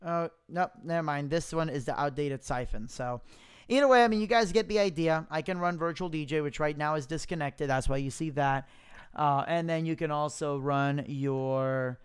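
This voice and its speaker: Clear-voiced man, casual tech demo. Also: on the high side. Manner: informal, thinking aloud. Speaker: software demo presenter. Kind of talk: casual live screen-share tutorial. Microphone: close mic without pop filter, popping plosives.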